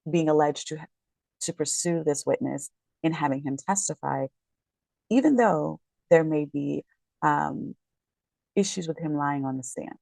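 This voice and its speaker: Talking casually about a court case late at night at home, a worn-out woman who is both a real estate agent and legal commentator rambles, corrects herself and apologizes. Her low-pitched, mellow voice has vocal fry, and she is unhurried with long pauses, in a recording with no room sound.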